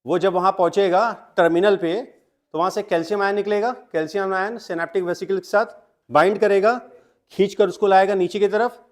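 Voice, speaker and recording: High-voiced male teacher lecturing a class. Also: steady tone, a little fast. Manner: asks the class questions and answers them himself; mixes Hindi with English terms. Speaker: biology teacher. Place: classroom with students.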